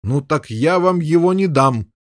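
A man's voice: on the high side, lively intonation, a little slow, no echo, studio quality, voice pushed up. A man voicing a bellowing brutish knight. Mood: scornful. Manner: shouting, coarse. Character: angry jealous male knight, brutish and loud.

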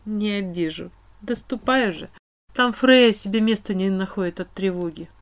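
A woman voicing a brisk, teasing witch whose voice turns strict and cold. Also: medium pitch, close to an everyday voice. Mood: stern.

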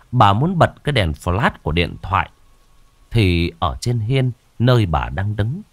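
Dramatic male ghost-story narrator. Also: low voice. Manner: dramatic, slowing on eerie moments.

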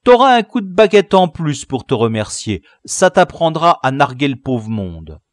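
A man doing a loud bossy village boy, the gang leader, yelling orders in a high pushed-up voice and mocking his prisoner, his tone swinging all over the place. It's a storybook reading recorded close and dry. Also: big pitch swings, normal speed, no echo. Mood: jeering. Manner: loud, jeering, commanding.

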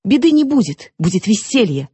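A woman's voice: mid-range voice, very animated, normal speed, slightly rough, dry recording. A woman reading an audiobook, voicing a defiant, mocking young woman who lashes out at her sister. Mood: scornful. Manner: sharp, mocking, impassioned outbursts.

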